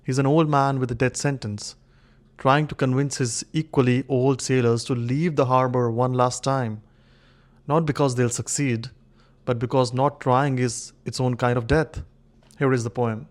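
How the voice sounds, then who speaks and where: A man giving an earnest scripted narration in a brisk, storytelling manner with clipped pauses. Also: mid-range voice, fairly even intonation. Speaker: video essay narrator.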